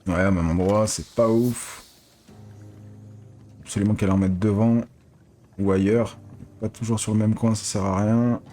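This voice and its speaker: A man giving excitable, casual live commentary as a casino streamer, pleading with the reels and swearing. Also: lowish voice, unhurried, long pauses, faint music behind.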